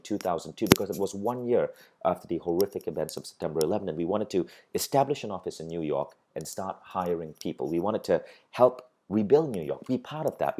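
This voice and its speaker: A man's voice: sits low, a little mellow. A middle-aged man from Malaysia giving a motivational course lecture, earnest, and he repeats phrases as he builds a point. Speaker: course instructor. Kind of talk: recorded online course lecture.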